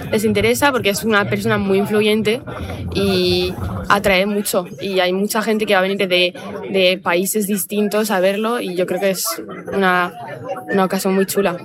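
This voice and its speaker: A woman's voice: medium pitch, fairly even intonation, normal speed, a crowd in the background. A young French woman, a student, answering a casual street interview outdoors, hesitant with many fillers. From France. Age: young adult. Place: outdoors by a library.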